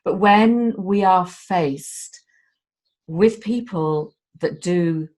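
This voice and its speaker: A woman with a slightly low-pitched voice, talking candidly and from the heart. She speaks with open emotion and drops the odd casual swear word, sounding unguarded. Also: very slow, darkish tone. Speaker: guest. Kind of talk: candid conversation.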